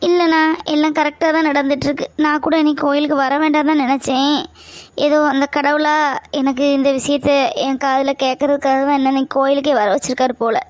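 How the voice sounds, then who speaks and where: A woman's voice: high-pitched, little pitch movement, brisk, no room sound, lightly acted. A woman playing a hurt, tearful young woman in an amateur family skit, insisting she wants no more contact with her fiancé. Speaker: younger sister figure.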